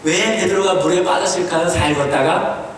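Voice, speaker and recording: A Korean pastor preaches in a church sanctuary, questioning the congregation and slipping in short English phrases while swinging between high emphatic lines and low quiet ones. He speaks at normal speed, heard from a distance in an echoey hall with slight background noise.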